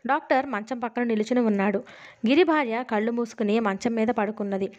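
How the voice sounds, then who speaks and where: A woman's voice: on the high side, fairly quick, dull audio. A woman reading a detective novel aloud, steadily, in a storybook manner. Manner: steady storybook reading, dialogue read with little change of voice.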